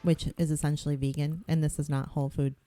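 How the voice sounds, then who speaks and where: A woman with a low, mellow voice co-hosts a podcast, talking in a relaxed, rambling way. She pokes fun at herself as she chats along. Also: fast talker, soft background music. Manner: rambling, self-deprecating, relaxed. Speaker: podcast co-host. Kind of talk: casual chat.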